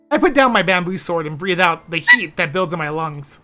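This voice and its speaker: Lower-pitched woman reading with lively intonation. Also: normal speed, faint music behind. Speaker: narrator and editor of a playthrough series. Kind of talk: expressive reading of a first-person visual novel.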